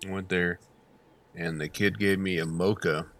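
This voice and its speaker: A man co-hosting a podcast, chatting casually and telling stories with emphatic, animated rants. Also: deep voice, normal speed. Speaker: podcast co-host. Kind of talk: casual chat.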